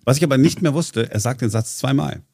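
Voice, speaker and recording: A man's voice: medium pitch, fairly quick, warm tone, breathy edge, no room sound, studio quality. A man presenting on a talk show in casual chat, explaining at length with many hesitations and restarts. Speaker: radio presenter.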